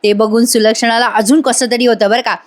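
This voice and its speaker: A woman with a somewhat high voice narrates an episode recap. She speaks chattily and keeps turning to her viewers. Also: little pitch movement, brisk. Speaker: serial reviewer.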